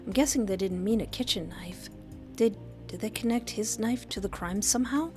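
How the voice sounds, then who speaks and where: A woman's voice: mid-range voice, moderate pace, music in the background, close to an everyday voice. A woman reading a visual novel as an anxious, shaken young student narrator, with a hesitant and worried manner. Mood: anxious, dazed.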